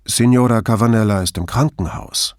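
A calm, direct police commissioner, read by a man in his own fairly low voice. He is polite and matter-of-fact. The sound is dry and close. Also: normal speed, dry recording, natural voice.

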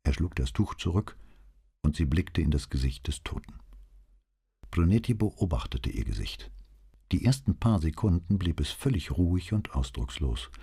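A man narrating an audiobook in an even, measured way. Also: deep voice, creaky, breathy edge. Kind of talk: audiobook reading.

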